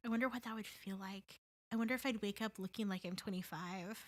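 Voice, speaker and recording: A woman's voice: mid-range voice, brisk. A woman co-hosting a podcast, chatting casually in a friendly, supportive way. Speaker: podcast co-host. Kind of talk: casual chat.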